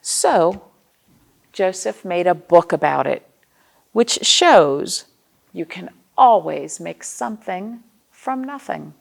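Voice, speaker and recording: An American woman leads storytime for young children as a librarian, reading expressively and asking simple questions to explain things. Her lowish, gravelly voice swings widely in pitch, and she takes her time.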